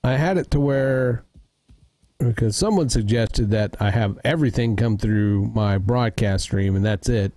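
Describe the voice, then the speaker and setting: A man's voice: lowish voice, measured pace, warm tone, dry recording. A man hosting a casual gaming livestream, thinking aloud as he fiddles with his audio settings. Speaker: streamer host.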